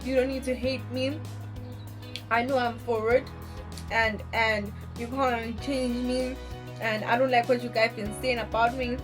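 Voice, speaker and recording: Girl retelling an earnest schoolgirl, pleading, high voice, music in the background. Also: level tone, unhurried, natural voice. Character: teenage schoolgirl pleading with her class.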